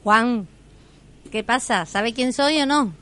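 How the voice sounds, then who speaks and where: Playful woman with a highish voice. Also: slow, bright, forceful tone. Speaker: former colleague. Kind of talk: casual chat.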